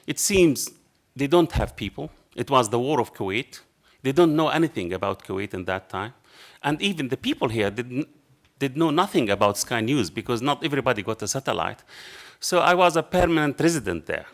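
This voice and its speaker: Very animated and fairly quick with hardly a pause, a middle-aged man with a strong Arabic accent tells a story on a panel, acting out both sides of a conversation. His medium-pitched voice has vocal fry; his phrasing is non-native and passionate. He's at a panel table in a dark lecture hall with a table microphone.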